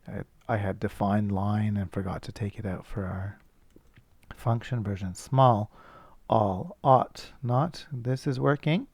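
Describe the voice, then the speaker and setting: A man's voice: fairly low pitch, takes it slowly, vocal fry, a little mellow, no room sound. A male teacher thinking aloud as he works through a coding problem, casual and self-correcting. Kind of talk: screencast coding lesson.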